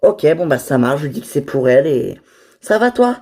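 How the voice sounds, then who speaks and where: A woman voicing a chatty, teasing young woman in a toy figure series, talking in a lively, casual way. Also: low voice, a little fast.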